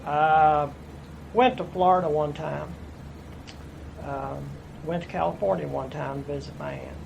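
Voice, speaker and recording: The voice is a little high and gravelly, with fairly even intonation and a measured pace: an East Tennessee man in his fifties, a veteran, relating his life plainly in an oral history interview. He tells it folksily with restarts, and the lo-fi recording carries noise from the room.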